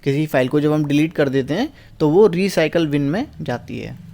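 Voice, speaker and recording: Higher-voiced man teaching exam answers. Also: gravelly, warm tone. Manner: asks a question, then answers it himself; reads English lines slowly, word by word. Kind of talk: exam paper walkthrough lesson.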